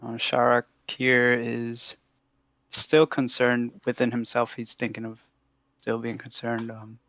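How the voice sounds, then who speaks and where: A man playing a tabletop game who describes his character's actions in a halting, stammering way and laughs often. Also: medium pitch, completely flat delivery, a bit bright, no echo. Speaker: player.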